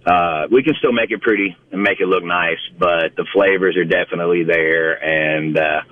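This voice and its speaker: Male interview guest, Mississippi accent, deep register, folksy and conversational, over a thin phone-like connection. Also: steady tone, moderate pace. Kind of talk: casual radio interview. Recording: thin phone-like line, distant from mic.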